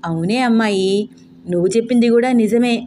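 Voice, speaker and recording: A woman's voice: fairly high pitch, a little fast, slight background noise, natural voice. A woman voicing a bossy old grandmother who scolds and orders her family around. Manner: sharp, commanding, scolding.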